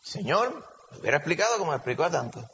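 Puerto rican guy preaching, kinda high voice, dull recording w/ long echo. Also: fast. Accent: Puerto Rican Spanish. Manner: animated, acts out voices and rhetorical questions. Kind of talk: sermon. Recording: lo-fi recording with long hall reverb.

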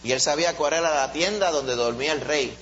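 A man teaching a Bible study in a lively, storytelling way, in a muffled recording. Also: a little high, brisk. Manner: animated storyteller, acts out voices. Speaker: preacher. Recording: muffled recording with faint hum.

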